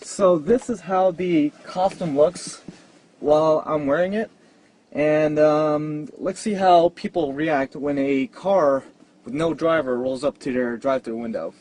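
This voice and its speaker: A man with a fairly high voice speaks casually to the camera as a prank host. He explains things in a plain, informal way, with faint vehicle noise in the background. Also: unhurried, a little mellow.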